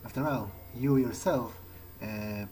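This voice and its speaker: A man plays a video game while improvising in-character commentary, hesitant and musing, in a voice-over over game music. His medium-pitched, slightly mellow voice takes things slowly, with a little hiss or hum in the audio.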